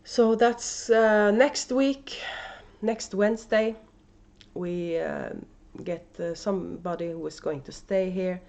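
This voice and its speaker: A woman with a Norwegian accent hosts a knitting video podcast from home, chatting casually and unscripted with lots of fillers and restarts. Her voice is medium-pitched, slow-paced and somewhat dark, with vocal fry. She's indoors, recorded on a camera microphone.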